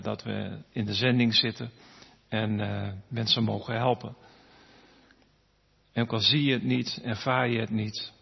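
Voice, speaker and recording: A man giving an earnest sermon, often halting with fillers and restarts. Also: lowish voice, gravelly, husky. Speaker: preacher. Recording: dull, reverberant hall sound.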